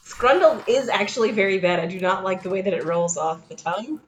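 A woman's voice: mid-range voice, fairly quick, crowd noise. A woman co-hosting a podcast in casual chat. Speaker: podcast co-host.

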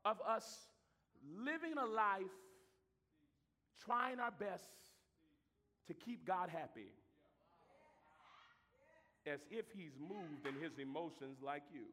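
A man with a very high, bright, ringing voice preaches a sermon to a church. He rises into shouted declarations and then drops into low, quiet asides. His voice carries a long reverb from the sanctuary around him. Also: animated, slow, long pauses.

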